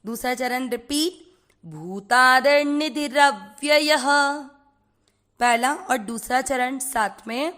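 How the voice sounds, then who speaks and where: A woman's voice: sits high, a little slow, fairly bright tone. A woman teaching Sanskrit pronunciation syllable by syllable, repeating sounds carefully and chanting each verse line back.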